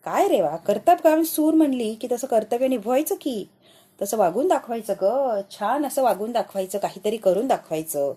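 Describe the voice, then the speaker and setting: A stern old grandmother who lectures and scolds, as a woman reads her part in a recap. The voice is mellow and slightly high, with little change from the reader's own. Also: expressive, normal speed, slightly rough. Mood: scolding.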